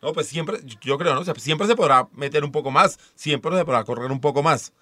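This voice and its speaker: A man on a sports talk show argues his case quickly and keeps pushing back with questions. His voice is bright and cutting, and he delivers it at a rapid clip. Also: on the high side, no echo. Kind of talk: casual football debate.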